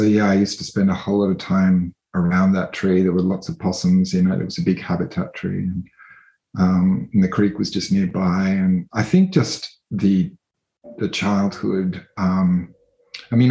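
An Australian man in his thirties from country New South Wales, an artist and researcher, gives a reflective conversational interview, speaking thoughtfully and unhurriedly with frequent pauses, fillers and restarts. His voice sits fairly low and a little mellow, in an echoey, roomy space.

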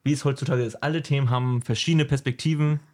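Fast-talking joking male podcast host. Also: medium pitch, steady tone, a little mellow. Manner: joking, quick, playful. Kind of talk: casual chat.

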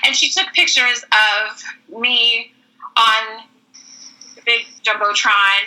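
A woman telling a casual anecdote in an animated way, full of "like" fillers, switching to a much higher pitch when acting out quoted voices. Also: slow pace, poor audio. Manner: animated, heavy use of "like" fillers. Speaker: storyteller.

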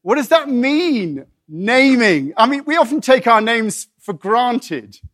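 A man's voice: extremely high pitch, big pitch swings, slow, fairly bright tone. A middle-aged man from England giving a conversational sermon, full of asides and restarts. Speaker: pastor.

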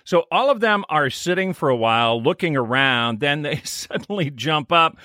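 Man, podcast co-host, chatty episode recap, bright voice, dry close mic. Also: on the high side, animated, normal speed, no echo.

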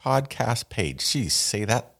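A man's voice: medium pitch, very animated, takes it slowly, creaky, fairly bright tone. A man hosting a casual podcast, chatting in a joking, self-deprecating, rambling way. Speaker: podcast host. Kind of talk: casual chat.

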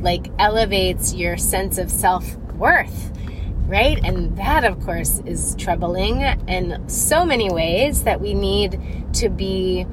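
A woman talks casually and reflectively, like a podcast host thinking aloud. Her voice sits at an average pitch and often pauses to check in with the listener. She is in a car, away from the phone's mic, with clear vehicle noise around her. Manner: informal, thinking aloud with frequent rhetorical check-ins. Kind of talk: casual solo reflective talk. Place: inside a car. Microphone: phone, not held, at a distance. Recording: far from mic, noisy car phone recording.

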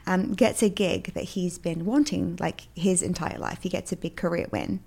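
A woman's voice: fairly low pitch, normal speed, gravelly, dark tone, breathy edge. A woman hosting her own solo self-help podcast, upbeat in manner and laughing often as she talks. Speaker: podcast host.

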